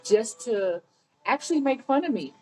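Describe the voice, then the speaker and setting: A woman's voice: a little high, very animated, moderate pace, warm tone, soft background music, poor audio. A woman from Mississippi with a Southern accent, a guest chatting casually on a podcast and laughing often. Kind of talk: casual chat.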